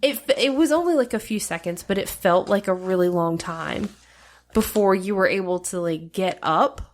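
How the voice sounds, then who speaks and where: A woman co-hosting a casual podcast, talking in an animated, teasing way. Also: mid-range voice, moderate pace. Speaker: podcast co-host. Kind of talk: casual chat.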